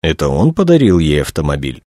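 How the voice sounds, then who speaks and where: A man's voice: extremely low pitch, huge pitch swings, a little fast, dark tone, no echo, studio quality, exaggerated voice. A man reading aloud, voicing a matter-of-fact male detective who keeps asking pointed questions. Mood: probing.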